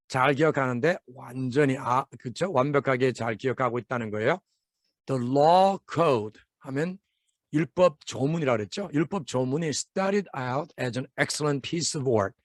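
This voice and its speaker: A man explaining Bible verses word by word as an English lesson, reading the English phrases slowly and carefully. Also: mid-range voice, no room sound, studio quality.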